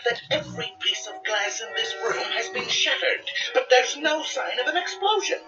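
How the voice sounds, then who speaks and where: A man's voice: very high-pitched, very animated, normal speed, distant mic, muffled recording, loud music behind the voice. A man voicing a pompous, theatrical cartoon duck superhero in an audio storybook. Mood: confident.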